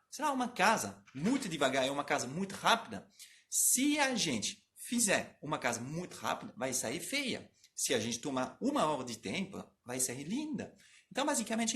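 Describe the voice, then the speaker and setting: Lively French man teaching tongue twisters. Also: a little high. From France. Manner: exaggerated articulation, drills tongue twisters; reads and answers viewers' comments. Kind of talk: live-streamed language lesson.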